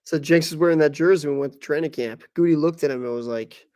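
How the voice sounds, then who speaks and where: Young man, higher pitch, teasing, blunt, dry close sound. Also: fast, dark tone, no echo. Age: young adult. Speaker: co-host. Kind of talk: casual banter.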